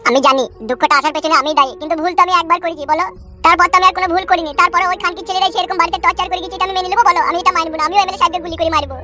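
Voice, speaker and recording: A woman's voice: extremely high pitch, steady tone, very fast, music in the background. A woman voicing a hot-headed young man who swears and vows revenge, in a comedy cartoon. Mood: vengeful. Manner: fierce, swearing threats.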